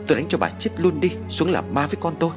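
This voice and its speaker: A man voicing a furious young mother who yells threats. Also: fairly high pitch, sing-song, fast talker, music in the background, pitched above the performer's own voice. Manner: yelling, threatening.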